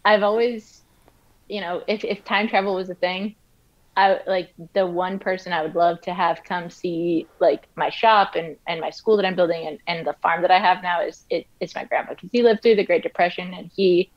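A woman's voice: lowish voice, fairly even intonation, moderate pace. A woman in her thirties, a woodworker guest in casual interview chat, rambling with many fillers, speaking from her home wood shop. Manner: rambling, frequent fillers and restarts. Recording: dull lo-fi livestream audio.

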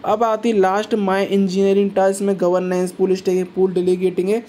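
A man's voice: high-pitched, completely flat delivery, normal speed, mellow, slight background noise. A man giving a casual step-by-step walkthrough, chatty, often checking in with viewers and calling them brothers. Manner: chatty, repeats "ठीक है" and addresses viewers as brothers. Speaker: crypto tutorial YouTuber. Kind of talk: casual screen-recorded walkthrough.

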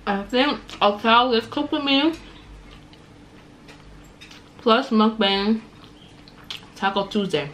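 A woman's voice: a little high, takes it slowly, long pauses, a bit bright, a little hiss or hum, rough recording. A young woman vlogger chatting casually as she eats dinner on camera in her home kitchen, recorded by a camera close in front of her. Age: young adult. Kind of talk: casual chat while eating. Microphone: camera on table at close range.

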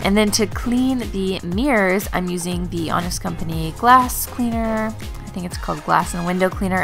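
Chatty woman with a gravelly voice. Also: on the low side, a bit bright. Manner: chatty, with many fillers. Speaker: vlogger, stay-at-home mom. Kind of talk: casual voice-over narration. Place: bedroom at home.

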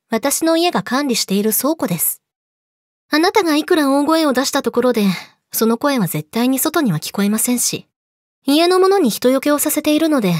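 Woman playing a possessive yandere girlfriend, swooping pitch. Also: dry recording, clean studio sound. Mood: scolding, threatening. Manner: yandere: sweetly polite, possessive, menacing, drops into breathy whispers. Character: possessive yandere girlfriend, polite, teasing, quietly menacing. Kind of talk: scripted role-play audio drama addressed to the listener. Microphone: close studio mic, dry.

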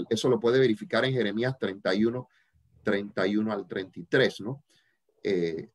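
A man teaching a religious study online, answering viewer questions in a halting way with many fillers and restarts. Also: mid-range voice.

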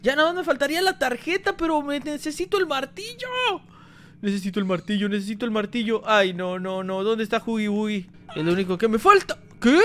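Very high-voiced excited gamer man. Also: brisk. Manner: energetic, talks straight to viewers. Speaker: gaming YouTuber. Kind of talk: excited gameplay commentary.

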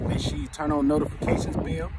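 A man shouting out his friend's channel in slow, hyped lines. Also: on the high side, little pitch movement. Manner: drawn-out hype shoutouts. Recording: heavy wind noise on the mic.

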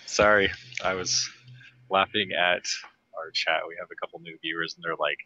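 A man playing in a tabletop game, retelling chat messages in an animated, laughing way. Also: low-pitched, moderate pace, dull audio. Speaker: player. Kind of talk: casual chat about the stream chat.

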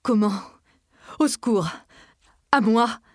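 A woman's voice: mid-range voice, takes it slowly, a little mellow, husky, no echo, studio quality. A woman reading aloud voices a frantic, grieving husband who pleads and cries out in panic.

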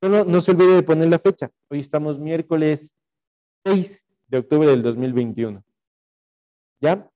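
Ecuadorian spanish accent, man, online class teacher, mellow voice, somewhat high pitch, fillers and rhetorical checks. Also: normal speed, pauses often, highs cut off. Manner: explanatory, dictating notes with frequent fillers and rhetorical checks. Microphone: video call.

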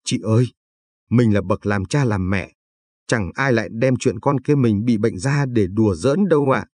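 Soft apologetic young mother, pleading and polite, read by a man, low husky voice, quiet, audio story. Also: normal speed, no room sound.

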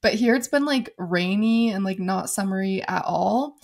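A woman's voice: mid-range voice, normal speed, vocal fry. Upbeat young woman podcast co-host. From Arizona. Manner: upbeat, chatty, frequent "like" fillers. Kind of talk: casual chat.

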